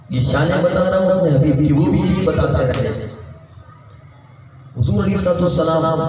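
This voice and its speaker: A man preaching an impassioned sermon, rising to shouts and sing-song cadences. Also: a little high. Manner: fervent, swings between shouted peaks and sing-song cadences. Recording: echoey distant hall recording with background noise.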